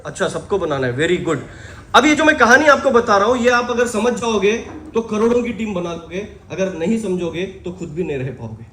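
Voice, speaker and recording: A man giving an energetic live motivational seminar talk, shouting questions out to his audience in a large hall. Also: sits high, moderate pace, a little hiss or hum. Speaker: motivational speaker. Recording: echoey hall with crowd.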